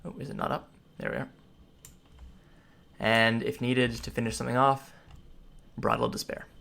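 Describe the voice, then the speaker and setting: A man with a medium-pitched, gravelly, sharp-toned voice gives a flat, moderately paced commentary over gameplay. Sitting at a computer indoors, he casually explains a character class, rambling through ability names and tips as he plays.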